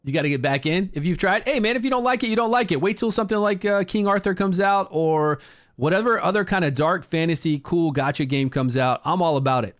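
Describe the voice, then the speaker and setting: A man hosting a casual game livestream in a slightly higher voice, chatty and upbeat as he talks his viewers through his progress. He greets people in chat by name and keeps an easygoing, promotional tone. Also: a little fast.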